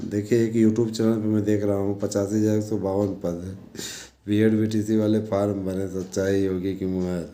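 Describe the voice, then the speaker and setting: Addressing his followers informally, a teacher who also presents online news urges them on again and again, often tacking on check-in tags. His voice sits on the low side with a warm tone, and the room sound is echoey.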